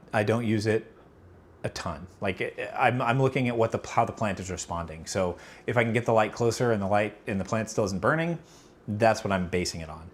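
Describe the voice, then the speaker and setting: A man with a fairly low voice chats through a casual livestream, circling his points with fillers and restarts. He is battling allergies as he talks. A faint hum of room noise sits behind him. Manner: rambling, filler-heavy, self-correcting. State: allergies, about to sneeze. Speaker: livestream host answering chat.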